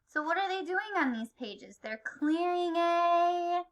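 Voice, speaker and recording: A woman's voice: very high voice, expressive, slow, lo-fi sound. A woman teaching an early-grade phonics lesson to children, stretching out sounds and encouraging them.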